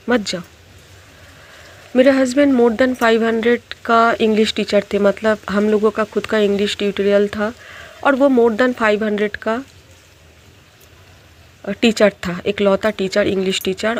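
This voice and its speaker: Middle-aged woman, mid-pitched and unhurried, telling a personal story haltingly with English words mixed in. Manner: slow, halting telling with many restarts, mixing English words into Hindi. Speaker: tarot reader.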